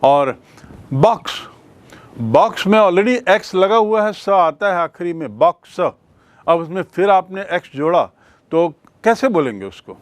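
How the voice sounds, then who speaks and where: A male teacher with a Hindi accent explains grammar rules at a very slow, deliberate pace. His voice sits fairly high for a man, and the recording is dry and close, with no room sound. He keeps repeating key words and asking them back to the class. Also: lively intonation, dry recording.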